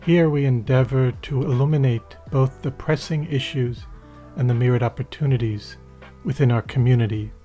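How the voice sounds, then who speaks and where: This mellow, mid-range male voice belongs to a local podcast host who first reads out a formal, wordy introduction and then asks scripted interview questions in ornate language.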